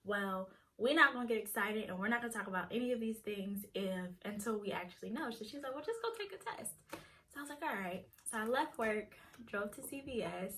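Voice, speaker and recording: A woman's voice: mid-range voice, fairly quick, a bit bright. A young woman vlogger chatting casually, retelling a story and acting out each person's lines. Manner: chatty, acts out quoted dialogue.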